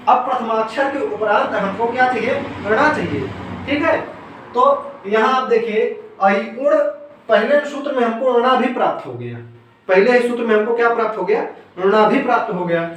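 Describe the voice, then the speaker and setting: A man with a high voice teaches grammar step by step, putting a question to his listeners and then answering it himself. He stands back from the mic in a strongly echoing room, with a faint hiss underneath. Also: normal speed, fairly bright tone. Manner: asks questions and then answers them himself, repeating key terms. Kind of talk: explaining grammar rules step by step. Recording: echoey room, voice from some distance off the mic, faint noise.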